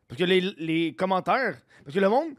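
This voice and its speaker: Québécois man, high voice, dry studio sound, rambly and cheeky guest. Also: expressive, moderate pace, no echo. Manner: laughing, swearing, rambling. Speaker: podcast guest. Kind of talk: casual chat.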